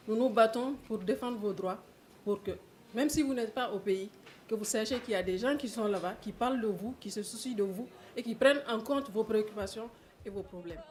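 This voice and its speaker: A woman's voice: mid-range voice, a little mellow, slight background noise. A woman member of parliament giving an earnest speech at a forum, stressing her points to the audience.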